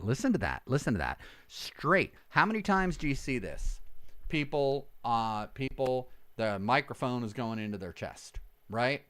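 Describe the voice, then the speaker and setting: A man's voice: pushed and bright, smooth, dry recording. A man, a voiceover artist, casually explaining microphone technique from his home studio on a large condenser mic. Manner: chatty, demonstrative, shifts between plain talk and deep announcer voice. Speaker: voiceover artist and video producer. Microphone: large broadcast condenser mic, moved closer and farther.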